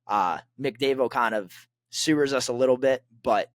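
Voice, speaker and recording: A man's voice: mid-range voice, moderate pace, no echo, studio quality. A young man co-hosting a hockey podcast, telling stories in a rambling, casual way full of fillers. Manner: rambling, filler-heavy storytelling. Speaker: podcast co-host. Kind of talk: casual chat.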